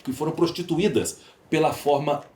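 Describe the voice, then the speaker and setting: As a guest on a podcast, a Brazilian-accented man answers conversationally and emphatically, repeating phrases to stress them. His voice is a little high and a little mellow, at normal speed. There's roomy echo and clear background noise in the recording.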